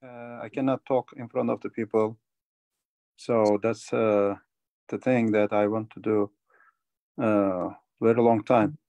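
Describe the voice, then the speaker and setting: Man from Turkey, shy, halting, simple phrasing, mellow tone, dry sound. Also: lowish voice, steady tone, no echo. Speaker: student. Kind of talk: halting self-introduction.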